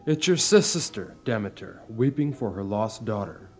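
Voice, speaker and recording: A man voicing a calm, watchful sun god who explains things plainly. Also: on the low side, moderate pace, breathy edge, soft background music, voice pushed down. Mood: solemn.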